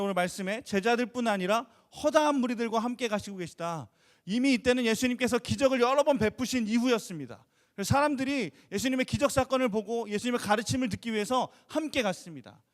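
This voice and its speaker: A man preaching a storytelling sermon at a church youth service, asking the listeners questions. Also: very high-pitched. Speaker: youth pastor.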